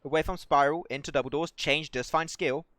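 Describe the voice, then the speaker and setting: A man casting a live mobile shooter match, excitable and rising to near shouts on big plays while chatting to viewers. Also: on the high side, a little fast. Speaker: esports caster. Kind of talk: live game commentary.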